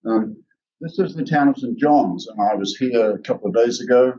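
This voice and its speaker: Aussie guy pitching to investors, gets excited and talks quick, sounds far off in a big echoey room. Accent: Australian. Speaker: company executive presenting. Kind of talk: investor presentation. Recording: roomy, distant, dull lo-fi sound.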